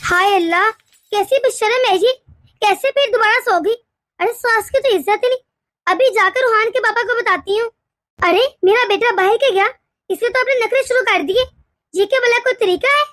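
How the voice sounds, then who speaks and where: A woman voicing a short-tempered, self-pitying middle-aged mother-in-law in an animated cartoon, complaining in shrill taunts. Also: moderate pace, no room sound, clean studio sound. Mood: indignant.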